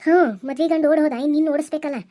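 A woman voicing a stern, protective middle-aged village aunt who scolds loudly, with a North Karnataka Kannada accent. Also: on the high side, steady tone, brisk, natural voice. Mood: scolding. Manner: scolding, threatening, loud.

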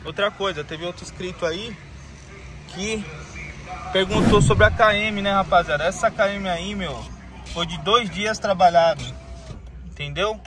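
A man's voice: sits high, unhurried, pauses often. A man, a rideshare driver talking casually to his viewers in a slangy vlog from his car in the city. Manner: slangy, calls viewers family and guys. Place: inside and around a car in the city. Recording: noisy car and street recording. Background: street and traffic noise.

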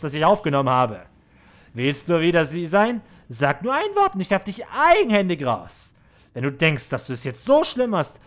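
A man voicing a cruel, condescending manager. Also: fairly high pitch. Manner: scolding, condescending. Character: cruel, manipulative older male manager. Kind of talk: reading game dialogue aloud in a let's play.

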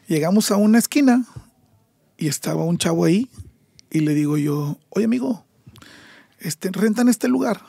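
A middle-aged man with a Mexican accent, a podcast guest telling his story in a lively way and acting out the voices of the people in it. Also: fairly high pitch, dry recording. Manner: animated, acts out voices in his stories. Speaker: podcast guest, taco shop owner. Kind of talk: storytelling interview.

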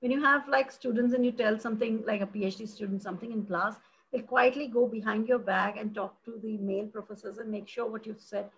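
A middle-aged woman from India, a philosophy professor, talking passionately in a conversational interview, animated and expressive, often restarting her sentences. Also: a little high, a little fast, dull audio.

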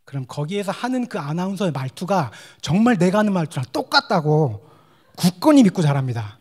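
Young male junior pastor, Gyeongsang accent, animated and jokey sermon delivery, lively pitch. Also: fairly quick. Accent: Gyeongsang Korean. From South Korea. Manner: animated, mixes English phrases, acts out dialect quips.

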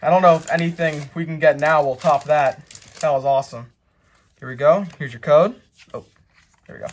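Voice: mid-range voice, fairly quick. A co-host chatting casually while opening card packs, rambling and leaning on "like" and "uh". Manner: rambling, heavy on fillers like "like" and "uh".

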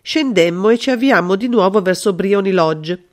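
A woman's voice: medium pitch, moderate pace. Woman narrating an audiobook. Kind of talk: scripted narration.

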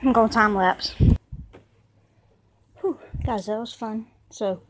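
A high-voiced woman chats casually to her viewers while riding a bike, mocking herself and letting out breathy exclamations as she goes. She is recorded on a phone strapped to her chest outdoors. The sound is noisy, with wind and rain clearly audible behind her. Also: takes it slowly. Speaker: vlogger. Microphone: phone on a homemade chest strap.

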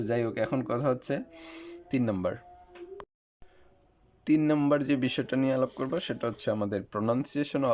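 A man's voice: on the low side, a little mellow. A man teaching an English lesson, explaining step by step and speaking straight to his viewers. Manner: explanatory, with fillers, addresses viewers directly.

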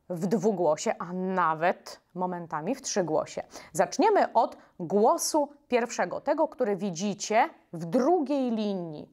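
A woman leading a music workshop for children, giving slow, patient instructions with short pauses. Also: medium pitch.

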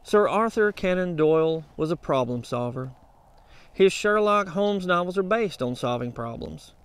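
A man hosts with a smooth, clear voice that sits a little high. He reads his closing script in a friendly, lightly self-deprecating way. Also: expressive, normal speed, dry recording. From North Louisiana. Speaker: host. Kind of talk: scripted podcast outro.

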